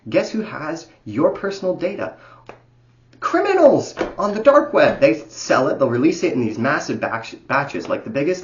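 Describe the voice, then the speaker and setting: A man's voice: fairly low pitch, dull audio. A man talking casually and unscripted about data privacy, rambling with lots of fillers and the odd swear word.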